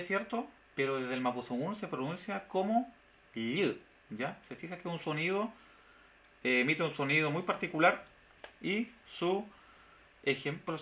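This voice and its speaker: Bright Chilean teacher with tag questions. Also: male voice, a little high. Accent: Chilean Spanish. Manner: drawn-out, constant tag questions. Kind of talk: webinar lesson. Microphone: video call.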